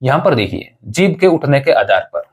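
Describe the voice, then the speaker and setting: A man's voice: medium pitch, very animated, normal speed, slightly rough. A man teaching an exam-prep grammar lesson, explaining step by step, repeating points and asking rhetorical questions of his students.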